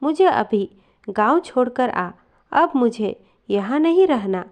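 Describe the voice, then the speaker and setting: A stubborn, scolding older mother-in-law, read out by a woman storyteller. She snaps in short, curt lines. The voice sits fairly high and moves up and down a lot at an unhurried pace. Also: expressive, darkish tone. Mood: angry, stubborn.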